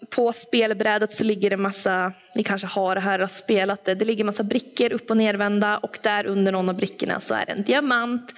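A woman's voice: on the high side, creaky. A woman telling a personal story in a sermon, chatty, with many fillers and asides. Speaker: preacher. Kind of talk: anecdotal sermon. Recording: echoey hall, dull sound.

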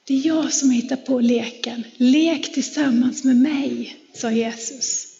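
High-voiced woman preaching in a reverberant hall. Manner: warm personal storytelling, conversational. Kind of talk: sermon. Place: church hall. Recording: dull sound with long hall reverb.

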